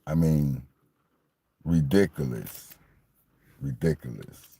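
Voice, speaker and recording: A rumbling low, mellow, slightly rough voice with vocal fry belongs to a Miami sports fan commentator in his late forties. He sounds animated yet takes it slowly, repeating himself and meandering conversationally through a casual monologue about his football team.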